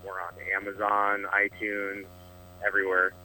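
A man's voice: on the low side, monotone, pushed and bright, slight background noise. Man talking over a phone line. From Iowa, US. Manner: hesitant, many filler pauses. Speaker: band member, phone-in guest. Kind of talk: casual interview answers.

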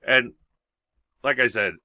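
A male talk radio host trades sarcastic remarks and reads headlines in a grumpy, blunt way. His voice is bright and forceful, recorded dry and close to the mic. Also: medium pitch, steady tone, takes it slowly, no echo. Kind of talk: casual talk radio chat and news reading.

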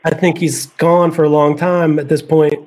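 A man's voice: fairly high pitch, little pitch movement, moderate pace, a little mellow. A man on a sports podcast, thinking aloud as he weighs draft prospects in casual chat. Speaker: podcast panelist.

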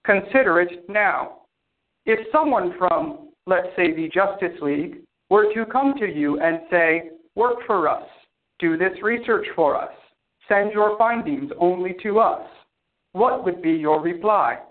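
Uma IA fria e formal. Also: male voice, high voice, lively intonation, unhurried. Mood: cold. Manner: precise, emotionless, clipped. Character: cold formal male artificial intelligence. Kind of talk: audio drama acting. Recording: tinny phone-like sound.

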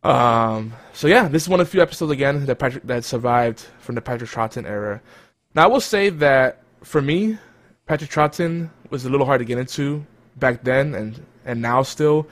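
A man's voice: medium pitch, expressive, moderate pace. Rambling male podcast host. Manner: rambling, with many fillers and self-corrections. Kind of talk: casual chat.

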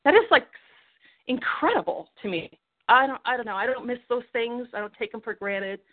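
A woman's voice: a little high, fairly quick, no echo. A woman coaching and encouraging others on a group phone call, earnest and heartfelt. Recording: tinny phone line, dry.

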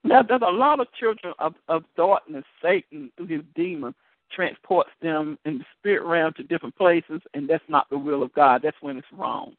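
A male evangelist from the United States hosting a call-in show, telling a caller his testimony in an animated way, stumbling over repeated words and laughing often. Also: on the high side, normal speed, dry recording. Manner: animated storytelling with many word repeats and laughs. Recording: tinny phone line, dry.

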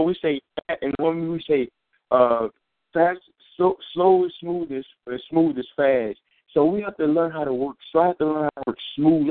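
A man with a fairly high voice preaches with no echo on a dry, tinny, phone-like line. His informal faith testimony and sermon is earnest, full of repeated phrases and restarts.

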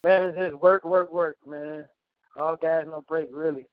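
A man from Michigan calling in to a show, chatting in relaxed, easygoing slang. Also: fairly high pitch, measured pace, dry recording, phone-quality sound. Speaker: caller, musician. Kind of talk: casual phone-in chat.

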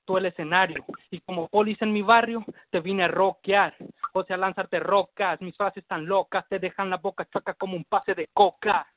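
Guy freestyle rapping trash talk on the phone, highish voice, sounds tinny. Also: fairly even intonation, moderate pace. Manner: boastful insults, drops in English phrases. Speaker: battle rapper. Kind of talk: freestyle rap battle over the phone. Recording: tinny dry phone line.

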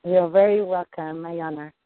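A woman's voice: lowish voice, steady tone, normal speed. A woman heard over the phone, helpfully arranging a meeting time with many hesitant fillers. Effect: heard over a phone line. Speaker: appointment scheduler. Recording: tinny phone line, dry.

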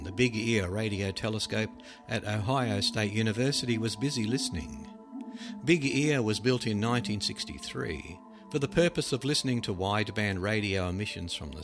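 A man reading written articles aloud as scripted narration, with measured, dramatic phrasing that drops at sentence ends. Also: fairly low pitch. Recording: loud music behind the voice. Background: music.

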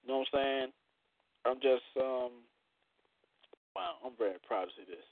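A man hosting a casual live internet radio show, playful and loud, full of "y'all" and laughter. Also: medium pitch, moderate pace. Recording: tinny phone-like line.

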